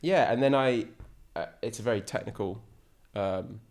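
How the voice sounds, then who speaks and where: A very low-pitched man talks eagerly as an interview guest. He rambles a little, backs up and restarts his thoughts, and keeps an easygoing, conversational tone. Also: normal speed, a little mellow. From England. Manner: enthusiastic, rambling with frequent restarts. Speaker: podcast guest, ocean sailor. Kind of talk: casual interview chat.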